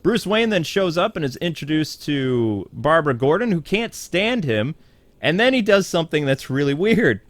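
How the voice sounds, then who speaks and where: A man's voice: a little high, very animated, moderate pace, dry recording. A man with a voice a touch above the usual male range talks through a cartoon episode in a loose, chatty review. He is blunt and opinionated, leaning on fillers as he goes. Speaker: TV show reviewer.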